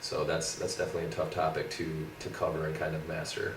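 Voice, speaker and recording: Brief: congested, nasal young man, deep and flat, recorded from across an echoey room with faint noise. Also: fast talker. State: congested, scratchy throat from a cold. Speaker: co-host, physical therapy student. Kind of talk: casual study recap. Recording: roomy, far from the mic, faint noise.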